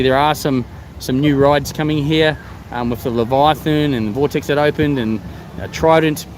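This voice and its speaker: An Australian man hosts a casual live stream in a slightly high voice, muffled as if with a hand over his mouth by the mask he wears. He is chatty and hesitant as he talks to viewers. Faint outdoor noise sits behind him. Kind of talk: casual live vlog chat, greeting viewers. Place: outdoors at a theme park. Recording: outdoor ambient noise, vehicle sounds.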